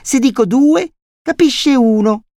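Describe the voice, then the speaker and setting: A man voicing an excitable small boy who is just losing his milk teeth, shrill and know-it-all in a storybook reading. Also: slow, dry recording, studio quality, heavily acted.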